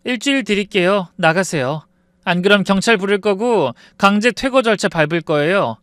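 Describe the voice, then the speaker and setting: A man voicing a furious young wife who coldly confronts her deceitful in-laws, rising into shouts. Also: high-pitched, animated, normal speed, clear, resonant tone, no echo, clean studio sound, voice pushed up. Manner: cold and cutting, rising to shouts.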